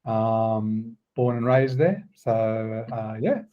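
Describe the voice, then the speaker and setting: A man around sixty with an Australian accent, a guest telling stories in a relaxed, halting way with many ums. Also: lowish voice, highs cut off. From Queensland, Australia. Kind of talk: casual interview chat.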